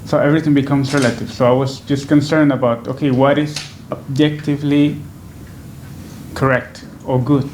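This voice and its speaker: A man's voice: medium pitch, little pitch movement, normal speed, a little mellow, slight background noise. A man in his twenties from Venezuela, answering interview questions in a thoughtful, hesitant way with many fillers and restarts, seated indoors at a stand microphone. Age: 20s. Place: small indoor room, seated on a sofa. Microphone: stand microphone in front.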